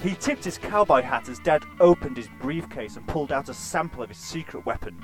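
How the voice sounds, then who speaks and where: Male narrator, deadpan and crude, slightly high voice, soft music underneath. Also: fairly quick. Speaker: storyteller. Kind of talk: absurd comic story narration.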